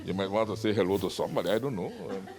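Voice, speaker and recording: A man's voice: deep voice, racing, darkish tone. A middle-aged man hosting a casual on-site interview, chatty and prone to repeating words. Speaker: host.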